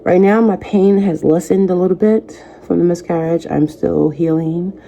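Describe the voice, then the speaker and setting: A woman in her thirties, a vlogger, speaking softly and reflectively to camera, offering faith-based encouragement. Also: lowish voice, steady tone, moderate pace, vocal fry. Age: 30s. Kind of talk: personal talk to camera.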